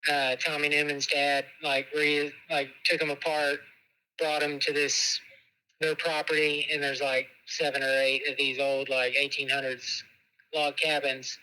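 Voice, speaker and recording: A man's voice: a little high, level tone, a little slow, pushed and bright, clean tone, low-quality recording. A man, calling in and heard through a speakerphone, chatting casually in an easygoing way with many fillers. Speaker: phone caller. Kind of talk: casual phone chat.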